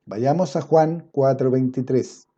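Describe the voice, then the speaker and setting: A man preaches a sermon, swinging between loud, emphatic passages and low, quiet asides. He quotes scripture in a slow, drawn-out cadence, and the sound is lo-fi.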